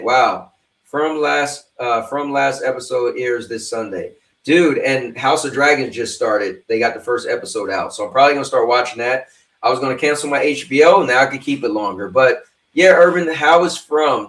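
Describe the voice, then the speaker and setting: A man in his fifties hosts a livestream, speaking directly to his audience in a loose, rambling chat. His voice is mid-range and a bit bright, recorded away from the mic with a roomy sound.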